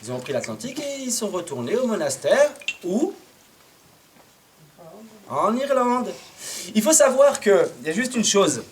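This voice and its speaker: A man telling a Christmas tale to a live audience in a playful, animated way, sometimes singing and getting listeners to join in. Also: high-pitched, normal speed, pauses often, a little hiss or hum. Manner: lively, playful, sings and gets the audience to join in. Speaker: storyteller. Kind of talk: oral storytelling to a live audience.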